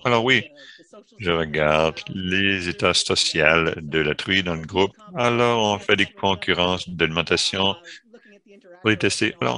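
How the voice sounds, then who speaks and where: Man interpreting a panel live, low pitch, bright forceful tone, halting with self-corrections. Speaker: French voice-over interpreter for a panel.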